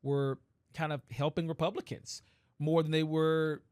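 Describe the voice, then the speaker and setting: A man's voice: a little high, little pitch movement, measured pace, darkish tone, clean tone, no room sound, clean studio sound. A man co-hosting a podcast, talking politics in casual chat and building long, hedged arguments. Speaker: podcast co-host.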